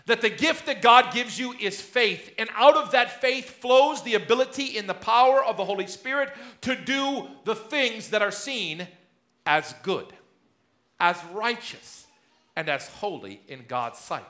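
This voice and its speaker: A man in his thirties preaching a sermon in a church sanctuary, his loudness rising and dropping as he gestures. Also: high-pitched, lively intonation, a little slow. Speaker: pastor. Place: church sanctuary before the altar.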